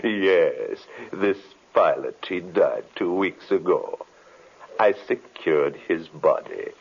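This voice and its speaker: An actor playing a gloating, commanding evil magician in an old radio horror drama, imperious, menacing and theatrical. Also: male voice, sits low, expressive, slow, vocal fry, husky, heavily acted. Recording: muffled old radio recording.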